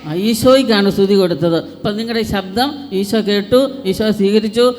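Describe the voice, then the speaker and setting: A man leading a charismatic group prayer at a retreat, fervent and building to shouted exhortation. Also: high-pitched, brisk. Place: large retreat-centre prayer hall. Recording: reverberant hall with faint music.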